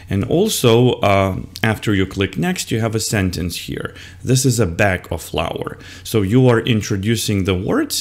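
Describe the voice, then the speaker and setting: Slow, low-voiced older male teacher. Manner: explaining steps to other teachers, modelling words and answers. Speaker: English teacher. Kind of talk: screen-recorded lesson walkthrough. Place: indoors at a computer.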